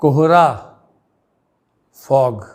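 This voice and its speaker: Slow, deliberate Indian teacher, man. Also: mid-range voice, clear, resonant tone. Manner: slow, deliberate, spells words out letter by letter. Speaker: English teacher. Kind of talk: classroom pronunciation lesson.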